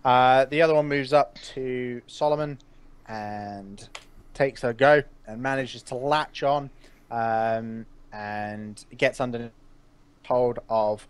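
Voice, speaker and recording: A man narrating as game master of a tabletop game, pausing often with uh and um. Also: medium pitch, steady tone, smooth. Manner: halting, lots of uh and um.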